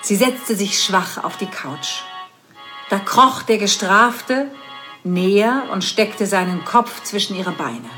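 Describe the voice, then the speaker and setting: Female narrator, mid-pitched, measured storybook reading, soft music underneath. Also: expressive. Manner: measured reading with slips and restarts. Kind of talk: reading an erotic story aloud.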